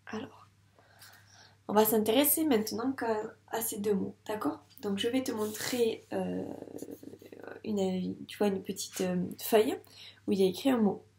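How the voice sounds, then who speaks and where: In an echoey room with slight background noise, a French-accented woman speaks a little slowly, leaving long pauses. Her medium-pitched, mellow voice guides young children through reading as this primary school teacher sounds out each syllable with care in a clear teaching video.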